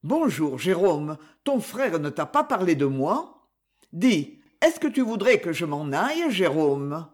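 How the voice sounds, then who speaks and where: A reader playing a timid old farmhand in a storybook, meek and pleading, words drawn out slowly. The voice is husky and moves widely in pitch. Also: very animated.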